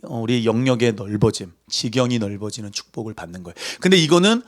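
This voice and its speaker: A man preaching a sermon in a lively, conversational way, acting out voices as he goes. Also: lowish voice, quick pace. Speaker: pastor.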